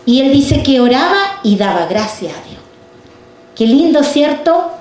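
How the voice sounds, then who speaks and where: A woman delivers a fervent sermon in a high, ringing voice. She keeps turning to the congregation with questions. Her voice bounces around a roomy church hall. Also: big pitch swings, a little slow, darkish tone. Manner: fervent, addresses the congregation directly with rhetorical questions. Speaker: preacher.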